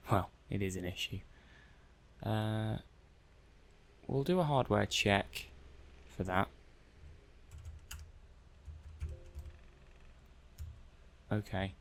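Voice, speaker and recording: In this soft-paced ASMR roleplay monologue, a man with a lowish voice speaks slowly as a mild, methodical technician testing a robot. He mutters to himself hesitantly and matter-of-factly, in a questioning mood.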